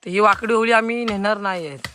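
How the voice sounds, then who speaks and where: A man with a Konkan Marathi accent, filming a casual outdoor vlog on a phone and excitedly calling out to friends. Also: sits high, quick pace. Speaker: vlogger. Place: outdoors in a village field. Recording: crowd noise outdoors. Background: crowd of villagers.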